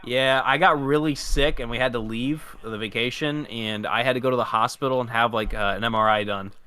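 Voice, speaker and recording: A man's voice: mid-range voice, steady tone, a little fast, sharp tone, clear, resonant tone. A young man telling a story in a casual podcast chat, hesitant and stammering. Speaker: podcast co-host.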